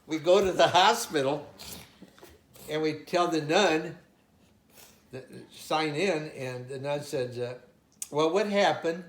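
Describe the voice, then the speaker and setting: A man's voice: fairly high pitch, takes it slowly, long pauses. An older man telling family stories with animation, acting out the voices and laughing as he goes. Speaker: interviewee. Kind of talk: casual family storytelling. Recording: echoey room.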